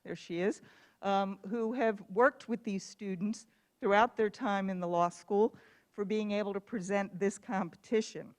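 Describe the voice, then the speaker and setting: A woman's voice: medium pitch, fairly even intonation, a little slow. A woman speaking as a law school dean, giving a welcome speech at a formal event.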